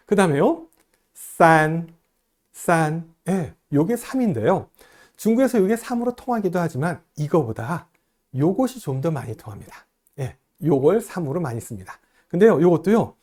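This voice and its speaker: A man teaches a video lesson in a fairly high voice with a lively, rising and falling pitch. He explains each point step by step and keeps asking the viewer questions. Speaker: lecturer. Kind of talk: video lecture.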